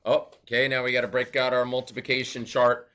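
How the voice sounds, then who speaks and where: A man's voice: medium pitch, completely flat delivery, brisk, a bit bright. Man, teacher, math review lesson, walks through each step, mid-range voice. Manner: explains step by step, counts aloud, asks and answers his own questions.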